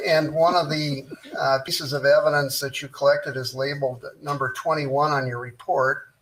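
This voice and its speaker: A man working as a defense lawyer, heard in a courtroom recording, cross-examining a witness in a measured, methodical way with frequent pauses. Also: a little high, steady tone, a bit bright, poor audio. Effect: courtroom recording played into the show.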